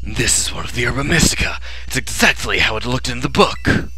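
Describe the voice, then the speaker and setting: Man voicing a bright, dramatic young student adventurer. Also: medium pitch, fairly quick, breathy edge, exaggerated voice. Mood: cautious. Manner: expressive, dramatic, casual. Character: eager, easily flustered young male student adventurer. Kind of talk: acted video game dialogue reading.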